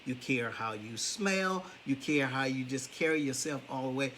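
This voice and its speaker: A man's voice: medium pitch, expressive, moderate pace, fairly bright tone, slight background noise. A man co-hosting a casual faith-based marriage chat on a live stream, easygoing and affirming. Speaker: co-host, husband.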